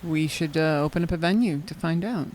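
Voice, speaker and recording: A woman's voice: low-pitched, a little fast, darkish tone, a little hiss or hum, low-quality recording. A woman co-hosting a podcast in casual chat, laughing easily and making self-deprecating jokes. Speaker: podcast co-host.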